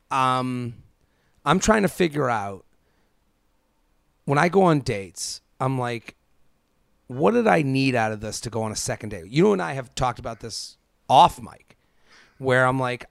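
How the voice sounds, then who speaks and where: A man in his thirties co-hosts a casual advice podcast, tossing out rhetorical questions and animatedly acting out quotes from imagined people. His mid-range voice is creaky, and the recording is dry and studio quality.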